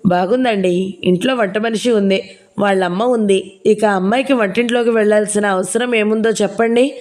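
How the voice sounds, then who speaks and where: A woman's voice: mid-range voice, steady tone, normal speed, darkish tone, natural voice. A woman voicing a firm, protective middle-aged aunt who reproaches a gossiping neighbour, in an audiobook reading. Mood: reproachful. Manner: reproachful, defending.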